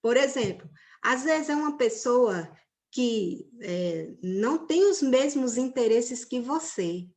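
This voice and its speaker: A woman's voice: on the high side, animated, slow, a little mellow. A woman teacher giving an online religion class to teenagers, talking in a conversational way and often checking in with her students.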